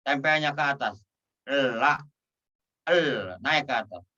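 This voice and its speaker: Slow, drawn-out male recitation teacher. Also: medium pitch, animated, pushed and bright, distant mic, highs cut off. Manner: patient, draws out each syllable and repeats it. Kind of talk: slow pronunciation drill lesson.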